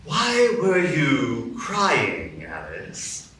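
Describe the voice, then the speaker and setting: A man voicing the Cheshire Cat, a sly, teasing and mysterious cat, in a slow, drawling, mocking way in a live radio play. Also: mid-range voice, huge pitch swings, bright, forceful tone, heavily acted. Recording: echoey room, mic from far off, faint background noise.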